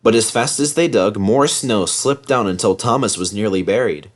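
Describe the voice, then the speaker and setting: A man's voice: fairly low pitch, moderate pace. A man reading a children's story as scripted narration. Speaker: storybook reader.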